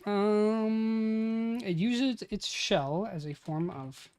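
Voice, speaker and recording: Speaking extremely slowly in a high, clean voice with a darkish tone, a man in his late twenties streams casually as he writes a tabletop campaign. He mutters lines aloud while typing, then chats with friends and swears freely.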